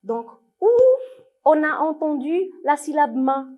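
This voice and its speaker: A woman's voice: sits high, slow, narrow, tinny audio. A woman teaching a televised primary school French lesson, patiently drawing out words syllable by syllable, asking the children questions and praising their answers. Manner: asks questions to young pupils and praises them. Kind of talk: televised distance-learning lesson.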